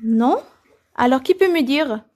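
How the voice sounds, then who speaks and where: A woman's voice: high-pitched, expressive, unhurried, darkish tone. A woman teaching a grammar lesson to children, asking the class questions and then answering them herself. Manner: repeats "c'est bon?" to check understanding.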